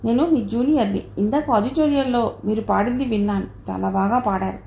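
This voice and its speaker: A woman's voice: on the high side, fairly quick, creaky, dark tone. A woman reading a sweet, polite young female junior student, with a roomy echo and faint noise. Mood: admiring.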